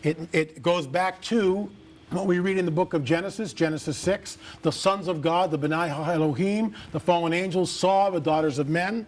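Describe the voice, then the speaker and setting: A man's voice: high voice, normal speed. A man speaking as a guest on a TV interview, telling stories with confident, emphatic statements. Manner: confident storytelling, emphatic, declarative.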